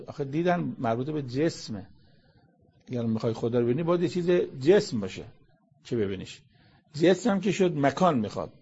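Husky-voiced man giving a sermon. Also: mid-range voice, a little mellow, muffled recording. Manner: rhetorical questions, reciting Arabic verses then explaining them. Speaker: religious lecturer explaining Quran verses. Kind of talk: conversational sermon.

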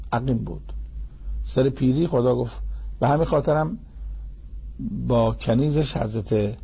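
Older male preacher, gravelly and husky, recites verses then explains them plainly. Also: mid-range voice, warm tone. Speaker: Quran teacher. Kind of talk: sermon-style Quran commentary.

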